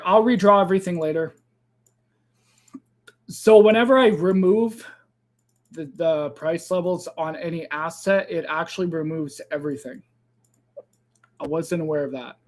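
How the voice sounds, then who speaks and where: Guy with a high voice doing a casual crypto trading livestream, keeps calling out to the chat. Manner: chatty, loose, addresses viewers as guys and fam.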